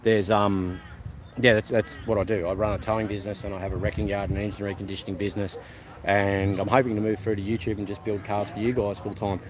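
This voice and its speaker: A man's voice: fairly low pitch, little pitch movement, fast, a crowd in the background, rough recording. A man with an Australian accent, live-streaming casual chat to viewers at an outdoor car show, rambling with lots of ums and restarts.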